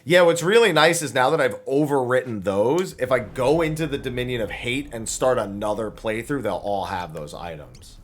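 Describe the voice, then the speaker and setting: A man's voice: mid-range voice, animated, normal speed, few pauses. A man streaming a video game, thinking aloud about his plans, swearing freely and laughing at the game. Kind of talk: casual live game commentary.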